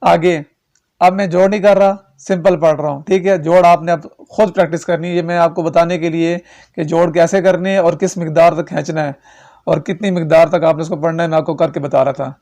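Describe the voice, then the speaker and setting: A man with a Pakistani Urdu accent teaching Quran reading, slowly chanting drawn-out syllables and then explaining quickly while checking in with the learner. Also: a little high, fairly even intonation, darkish tone. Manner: checks in with repeated questions to the learner. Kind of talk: recorded tajweed lesson.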